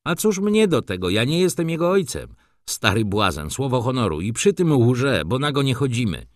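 A man voicing a hot-tempered, indignant young male student who rants and shouts in an audiobook reading. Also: mid-range voice, sing-song, normal speed, dry recording, studio quality, lightly acted. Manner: shouting, ranting, exclaiming.

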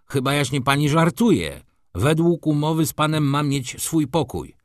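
A man lightly acts the part of a smug, self-important valet, giving orders in a haughty, condescending, commanding tone. He pitches his voice above his own natural range, landing on the high side, with lively intonation at a normal speed, in clean studio sound with no room sound.

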